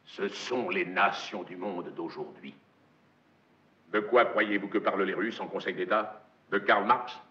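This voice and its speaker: An actor playing a domineering, messianic corporate magnate in a film monologue, with hammy, theatrical stage declamation and a gravelly voice. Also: male voice, low-pitched, a little slow, sharp tone. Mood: hushed, evangelical. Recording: dull, echoey film soundtrack.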